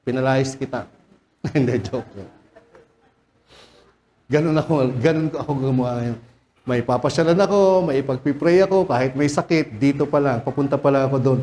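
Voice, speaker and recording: A man preaching a sermon as pastor, animated, joking and shouting out rebukes. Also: medium pitch, a little fast, slight background noise. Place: church sanctuary.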